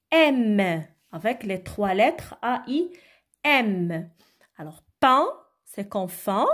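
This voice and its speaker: A woman teaching a phonics lesson to young schoolchildren, patiently spelling out letters and checking in with them often. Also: medium pitch. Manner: slow, patient, repeats "d'accord?" and sounds letters out. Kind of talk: recorded phonics lesson for children.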